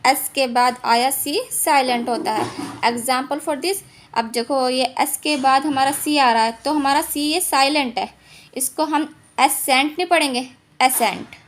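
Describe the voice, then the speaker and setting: High-voiced woman teaching phonics. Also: fairly even intonation, unhurried, slight background noise. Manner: patient, repeats and quizzes herself. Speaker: English teacher. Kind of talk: online phonics lesson.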